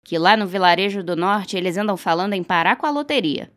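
A woman reading aloud and voicing a village man passing on rumors slowly. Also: mid-range voice, lively intonation, fairly bright tone, dry recording, clean studio sound, close to an everyday voice. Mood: confiding.

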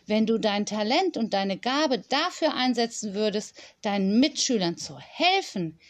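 A woman reading an audiobook, voicing a cheerful, whimsical woman teacher who speaks in a bright, sing-song, gently enthusiastic way. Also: mid-range voice, expressive, measured pace, natural voice. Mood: gentle, persuasive.

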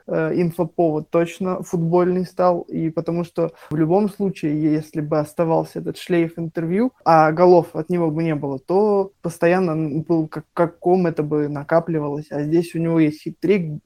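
A man giving a halting post-match football analysis, with many fillers and restarts. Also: fairly high pitch, dark tone, dry recording. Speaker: football pundit.

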